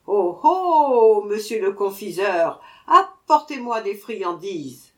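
A woman voicing an irascible tiny bearded male dwarf who shouts his demands in a storybook reading. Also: sits high, animated, unhurried, voice pushed up. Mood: shouting.

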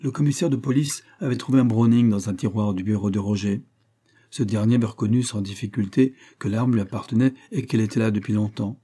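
A man giving a steady, measured reading of a crime novel as an audiobook narrator. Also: fairly low pitch, slightly rough.

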